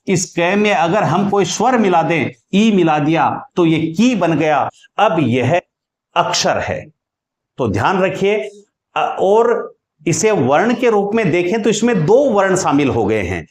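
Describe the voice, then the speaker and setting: A man teaching Hindi grammar in a classroom lecture, explaining deliberately and stretching out sounds as examples. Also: fairly high pitch. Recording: echoey room.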